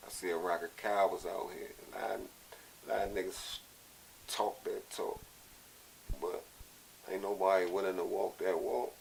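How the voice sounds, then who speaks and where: An American man giving a blunt, profane, impassioned monologue, sounding drunk and rambling, with halting repeats and a gravelly voice. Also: low voice, flat delivery, a little mellow. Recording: hissy, noisy amateur recording.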